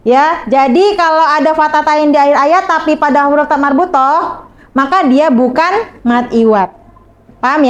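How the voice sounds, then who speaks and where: A young woman teaching a class, speaking slowly and patiently and checking often that the students follow. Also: sits high. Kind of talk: classroom lesson.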